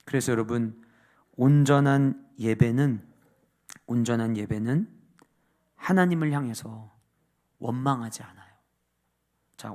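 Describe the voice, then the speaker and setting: Male pastor mid-sermon, expressive delivery swinging from loud emphasis to near-whispers. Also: mid-range voice. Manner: dynamic preaching, rising to loud emphatic peaks and dropping to hushed asides.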